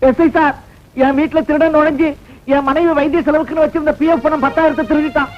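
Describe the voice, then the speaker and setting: An old, pleading schoolteacher. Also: male voice, very high voice, steady tone, fast, soft background music. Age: older. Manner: pleading, earnest. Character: pleading retired male schoolteacher. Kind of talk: dubbed film dialogue. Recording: dull lo-fi film audio.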